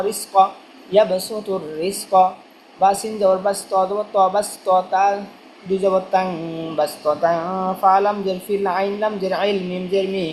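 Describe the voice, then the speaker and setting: A teacher giving a Quran reading lesson, spelling letters out slowly one by one and repeating them in a question-and-answer drill. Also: medium pitch, a little mellow, slight background noise, rough recording.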